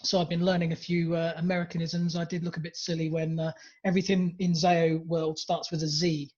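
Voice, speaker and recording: A man's voice: a little high, little pitch movement, brisk, darkish tone. A man with an English accent presenting on a webinar in a chatty, hesitant way with many fillers. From England. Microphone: video call. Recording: lo-fi video call audio.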